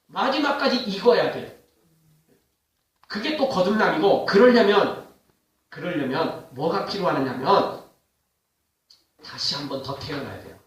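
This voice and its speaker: A man preaching a sermon with an animated, high-pitched voice whose pitch climbs and drops constantly. He keeps throwing questions at the congregation. The sound is heavily echoey and comes from well back from the microphone. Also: unhurried, long pauses, far from the mic. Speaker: pastor. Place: church sanctuary.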